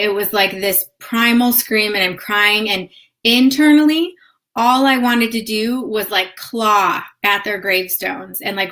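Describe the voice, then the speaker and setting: A woman's voice: medium pitch, bright, forceful tone. A middle-aged woman hosting a spiritual live stream, telling a personal story in an earnest, emotional way.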